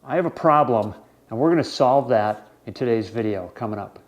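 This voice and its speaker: A man hosting a vlog, explaining equipment in a casual, halting, conversational way. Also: mid-range voice, animated, dull audio, slight background noise. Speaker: snowmobile vlog host.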